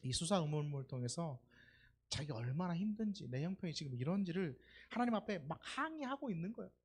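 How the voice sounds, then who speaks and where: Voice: medium pitch, sing-song, fast talker, a little mellow, slightly rough. A preacher giving a sermon in church during Sunday worship. The preacher talks conversationally, asks the congregation questions and acts out quoted dialogue.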